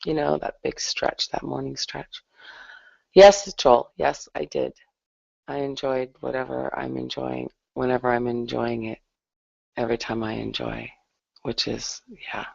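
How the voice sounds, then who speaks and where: Sleepy female guest, gravelly morning rasp, dry lo-fi call audio. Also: a bass voice, unhurried, no echo. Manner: drowsy, relaxed, gravelly. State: just woke up, morning voice. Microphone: video call.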